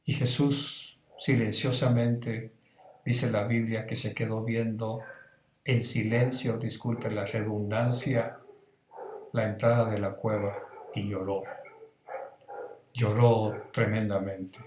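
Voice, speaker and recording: A man's voice: on the low side, little pitch movement, takes it slowly, darkish tone, a little hiss or hum. A middle-aged pastor with a Salvadoran accent preaching a sermon, building emphasis as he goes. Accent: Salvadoran Spanish. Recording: roomy echo.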